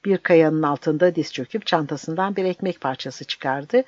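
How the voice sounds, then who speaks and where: A man's voice: on the high side, measured pace, no echo. Man reading a story, dry dull sound. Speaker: narrator.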